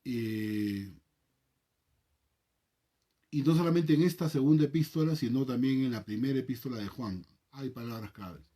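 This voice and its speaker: A man with a Peruvian Spanish accent, a pastor leading a Bible study, reading scripture aloud, praying and explaining the text in a measured way. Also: mid-range voice, warm tone. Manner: measured, reads scripture then prays and explains.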